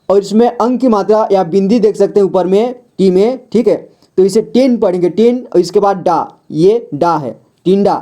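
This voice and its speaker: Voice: mid-range voice, mellow. A patient teacher giving a beginners' reading lesson in voice-over, sounding out each word, asking the learner questions and answering them, and checking in often. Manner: patient, repeats words and checks with "ठीक है"; asks the viewer questions, then answers them.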